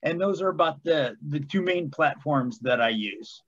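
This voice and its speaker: A man in his fifties joins as a podcast guest, telling stories in an easygoing, folksy way with plenty of hesitant pauses. His voice is fairly high, and it comes through slightly dull and muffled over a call. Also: lively intonation. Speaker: author and guest. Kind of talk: casual interview chat.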